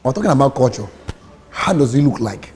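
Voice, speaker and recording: A man's voice: mid-range voice, animated, brisk, darkish tone, breathy edge. A man on a talk show panel, arguing his point stubbornly and repeating himself. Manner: stubborn, repetitive, argumentative.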